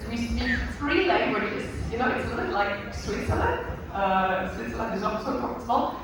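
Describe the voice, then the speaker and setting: A man's voice: very high-pitched, moderate pace. Belgian French man lecturing in echoey hall. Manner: hesitant, many fillers and restarts. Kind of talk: conference talk. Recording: echoey hall from far off, noisy.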